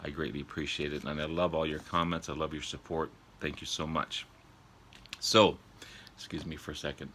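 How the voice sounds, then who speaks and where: A man with a sore throat from a cold, chatting casually and haltingly as a vlog host, often needing to clear his throat. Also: extremely low pitch, flat delivery, a bit bright, a little hiss or hum. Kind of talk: casual chat to viewers about records. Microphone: older phone.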